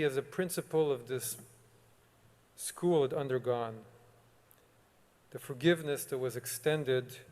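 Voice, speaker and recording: A man, a rabbi, delivering a solemn, measured sermon with long pauses. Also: medium pitch, a little mellow. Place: synagogue sanctuary. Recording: long reverb of a large sanctuary.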